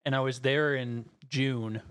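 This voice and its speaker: A man's voice: mid-range voice, steady tone, measured pace, a bit bright, clear, resonant tone. A man from Minnesota with a Minnesota accent, hosting a casual interview in an easygoing way and laughing often. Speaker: podcast host.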